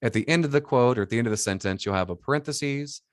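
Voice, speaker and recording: A man's voice: medium pitch, quick pace, no echo, clean studio sound. A man giving a classroom lecture as an English instructor, dictating examples item by item and naming each punctuation mark. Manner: often ends points with a checking "right?". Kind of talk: classroom lecture on citation rules.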